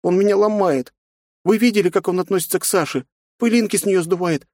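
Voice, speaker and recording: A man's voice: brisk, a little mellow, no echo, clean studio sound, close to an everyday voice. Man voicing a tearful teenage girl Nastya. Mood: upset. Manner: pleading, tearful, high-pitched. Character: hurt, pleading teenage girl, daughter.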